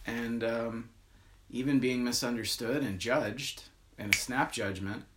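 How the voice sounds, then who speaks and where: A man co-hosting a podcast, talking about faith in a halting way, searching for his words. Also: medium pitch, fairly even intonation, background noise. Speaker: podcast co-host. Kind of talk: casual faith chat.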